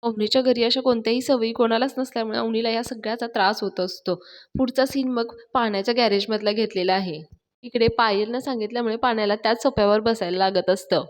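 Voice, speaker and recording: A woman's voice: a little high, quick pace. Woman recapping a TV serial episode. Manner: steady retelling, scene by scene.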